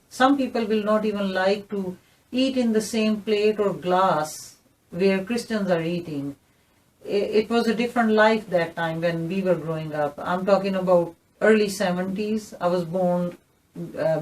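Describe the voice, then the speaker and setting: In a recorded interview testimony, a woman in her fifties with a Pakistani accent earnestly shares her story. Her voice is medium-pitched, a little slow and a little mellow, and picked up from somewhat distant from the mic.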